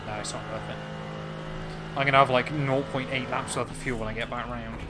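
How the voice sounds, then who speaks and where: A man talks casually with friends while streaming a racing game. His voice sits at an ordinary male pitch, with clear car and engine noise running behind it. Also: fairly even intonation, a little fast. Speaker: sim racer streaming his race. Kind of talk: casual gaming commentary with friends. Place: own room at home. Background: racing game car sounds.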